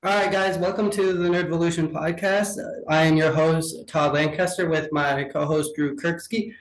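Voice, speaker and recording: A twenty-two-year-old man from Wyoming hosts a casual podcast, asking his questions in an easygoing, upbeat way. His voice runs high for a man, and the recording has a roomy, echoey sound. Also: steady tone, normal speed, slight background noise. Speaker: podcast host. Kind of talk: casual interview chat.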